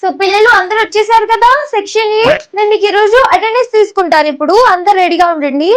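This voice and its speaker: A woman's voice: very high voice, fast talker. A woman playing a bossy, indignant schoolteacher who bickers with a rival teacher. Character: bossy young female teacher, petty rival. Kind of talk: comedy sketch acting.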